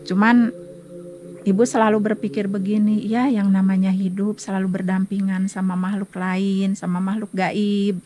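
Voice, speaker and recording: A woman's voice: medium pitch, flat delivery, moderate pace, mellow, slight background noise. A woman earnestly telling a story in a casual interview outdoors. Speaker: local resident, interviewee.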